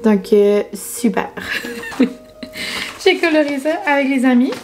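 Young québécoise vlogger gal, kinda high voice, chatty w lots of euhs, soft music behind. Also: female voice, slow. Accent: Quebec French. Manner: chatty, many fillers, mixes in English words. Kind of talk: casual vlog chat.

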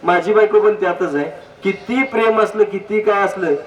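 Male public speaker with a high voice, jokey and anecdotal, miked from a distance in an echoey hall. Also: normal speed. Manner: jokey, anecdotal, asks the audience direct questions. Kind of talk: humorous public talk. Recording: echoey hall, distant mic, faint noise.

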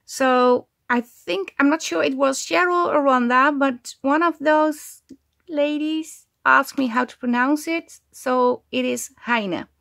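A woman's voice: high voice, slow, vocal fry, a bit bright. A woman hosting a casual crafting vlog, chatting at her desk and often stopping with ums as she searches for words. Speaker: junk journal crafter and channel host.

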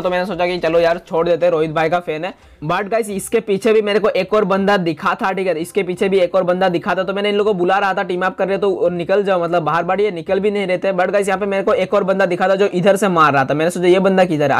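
Young male gaming commentator, high-pitched and excitable, chatty voice-over with dramatic complaints. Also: quick pace, hardly any pauses. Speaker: gaming YouTuber.

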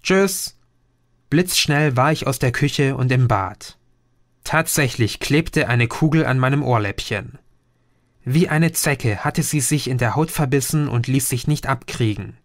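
Man reading an audiobook, slow and even, dry close sound. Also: medium pitch, dry recording. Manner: measured, first-person storytelling. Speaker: audiobook reader. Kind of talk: scripted narration.

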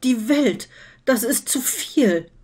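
A woman's voice: a little high, expressive, slow, darkish tone, slightly rough, pitched above the performer's own voice, heavily acted. A woman voicing a weary, exasperated middle-aged wizard man in a storybook reading, tired and grumbling.

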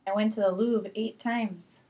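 A woman's voice: mid-range voice, steady tone, normal speed, a little mellow, natural voice, rough recording. Woman putting on a chatty, folksy Minnesota-accented woman. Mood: casual. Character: chatty, opinionated, grumbling small-town Minnesotan woman. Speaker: comedian. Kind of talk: comedy sketch monologue, casual chat. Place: rooms at home, indoors.

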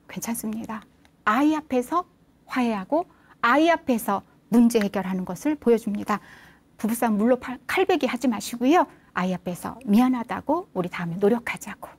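A woman parenting educator lecturing a live audience, often putting rhetorical questions to them. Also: fairly high pitch.

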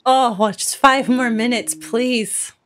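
This gaming streamer is a young woman whose cough leaves her voice stuffy; she chats, giggles, and reacts aloud while doing casual let's-play commentary on a headset at home. Her voice is on the high side, with fairly even intonation and a slow delivery.

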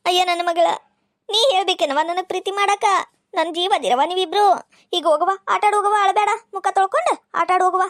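A woman's voice: very high voice, fast talker, a bit bright, no room sound, studio quality. Woman doing a two-faced North Karnataka stepmother. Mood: tearful. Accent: North Karnataka Kannada. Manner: sweet to the children, snarling behind their backs. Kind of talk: cartoon voice acting.

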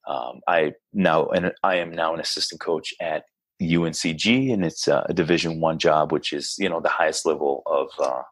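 As a podcast guest, an Israeli man in his thirties who coaches basketball speaks in a very deep, steady voice at normal speed. The interview chat is casual and earnest, peppered with fillers and restarted sentences.

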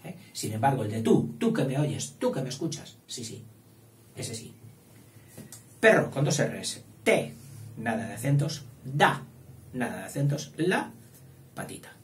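A man's voice: medium pitch, very animated. Teacher guy dictating, spells stuff out, voice all over the place, mic far off in an echoey room. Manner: slow, spelling out words, playful asides. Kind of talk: dictation lesson. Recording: echoey room, distant mic, faint hiss.

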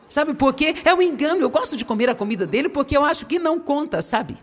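A woman with a Brazilian Portuguese accent preaching to an audience in a large hall, playful and animated as she tells stories. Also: high-pitched. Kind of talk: sermon, humorous storytelling. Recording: long hall reverb.

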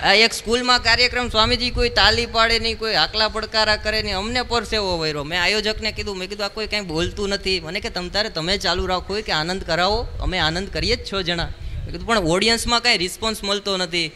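A man's voice: high-pitched, fairly even intonation, bright, forceful tone, a little hiss or hum. A man doing stand-up comedy on a stage mic, telling punchy jokes and checking in with the crowd. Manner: punchy joke telling, quick call-and-response to the crowd. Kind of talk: live stand-up comedy show. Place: live show in a large hall. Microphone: stage microphone. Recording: live hall recording with long reverb.

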